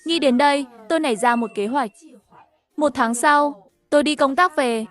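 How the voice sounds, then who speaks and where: A woman narrating a first-person story over animation, voicing every character herself in an even storytelling manner. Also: high-pitched, moderate pace, faint music behind.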